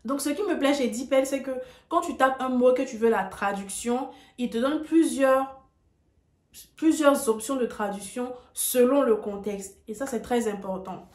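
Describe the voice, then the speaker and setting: A woman's voice: high voice, normal speed, echoey room. A woman giving a casual video lesson, talking straight to her viewers in an emphatic, direct way. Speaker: English tutor on video.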